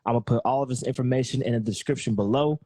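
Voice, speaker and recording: Racing along at a medium pitch, this podcast host has a dark tone with a breathy edge, recorded at studio quality with no room sound. He chats casually with his guest in relaxed slang, capping his lines with "man" and "bro."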